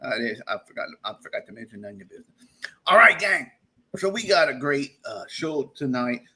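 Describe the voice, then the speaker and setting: A man hosting a casual live-stream chat, loud and animated, laughing often and rambling through shout-outs. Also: mid-range voice, a little fast, husky. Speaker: podcast host.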